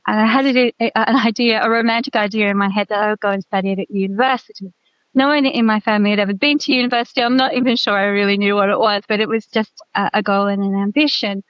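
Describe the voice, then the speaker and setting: A woman's voice: mid-range voice, no room sound, muffled recording. A Tasmanian woman in her fifties with an Australian accent, a guest author talking through her life in a thoughtful, self-deprecating way with many fillers. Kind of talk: casual interview chat.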